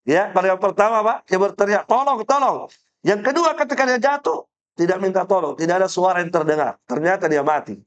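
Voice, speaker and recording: A man giving a religious study lecture, his voice sitting fairly high for a man. He tells stories with acted-out voices and keeps checking with listeners whether they follow. He repeats phrases to drive the point home. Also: fast talker, smooth, muffled recording. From Indonesia. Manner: storytelling, acts out quoted voices, asks listeners "paham?"; explanatory, repeats phrases for emphasis. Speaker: Islamic teacher.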